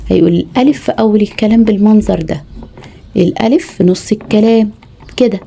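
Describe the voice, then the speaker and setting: A woman's voice: mid-range voice, mellow, breathy edge. A woman with an Egyptian Arabic accent, teaching mothers how to tutor their children, patiently spelling out letters one by one. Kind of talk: home tutoring lesson.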